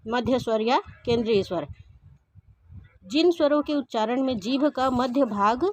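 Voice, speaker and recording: A woman teaching a Hindi grammar lesson, explaining each point slowly and restating it in simpler words. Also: on the high side, no echo. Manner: slow, methodical, repeats each point. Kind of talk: explaining grammar over slides.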